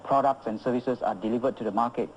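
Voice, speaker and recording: A man calmly explaining a point, as if answering an interview question. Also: mid-range voice, fast talker, a little hiss or hum, poor audio.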